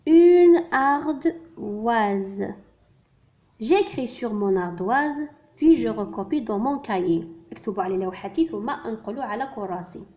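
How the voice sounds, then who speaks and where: A woman teaching a primary school French workbook lesson, switching between French and Arabic and saying each French word slowly and carefully. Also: medium pitch, expressive. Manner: slow, careful enunciation of French words. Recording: dull lo-fi recording.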